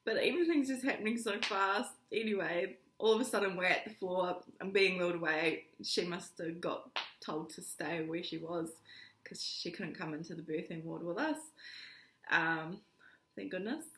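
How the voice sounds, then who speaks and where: A young woman tells a personal story in a casual vlog, lively and laughing as she acts out what people said. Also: lowish voice, normal speed. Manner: animated, laughing, acts out quoted lines. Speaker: vlogger. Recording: echoey room.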